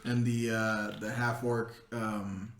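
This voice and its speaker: A man's voice: on the low side, level tone, takes it slowly, fairly bright tone, echoey room, a little hiss or hum. A man who narrates a tabletop game as game master, chatty and often laughing.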